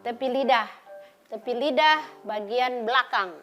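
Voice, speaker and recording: A woman teaching Quran letter pronunciation, slowly repeating example sounds. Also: on the high side, a bit bright, faint music behind. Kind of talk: televised religious lesson.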